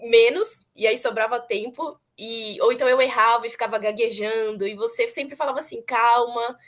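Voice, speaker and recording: A woman's voice: a little high, a little fast. A young woman chatting earnestly as an interviewee, repeating words for emphasis. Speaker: former student interviewee. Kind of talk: casual interview chat.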